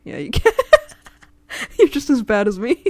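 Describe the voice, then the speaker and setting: A woman's voice: on the high side, big pitch swings, a little slow, darkish tone, dry recording. A woman hosting a casual stream chat, rambling with many fillers and frequent giggles. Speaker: streamer and host.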